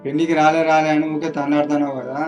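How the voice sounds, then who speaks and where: An actor playing a young adult son, calmly explaining things to his family. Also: on the high side, very fast, lo-fi sound, faint music behind, natural voice. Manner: matter-of-fact, explaining.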